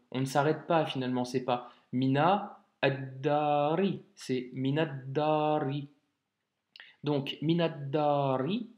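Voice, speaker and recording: Male tutor, unhurried and patient, friendly direct address, spells each letter, roomy echo. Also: on the high side. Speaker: Arabic reading teacher. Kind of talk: slow step-by-step reading lesson.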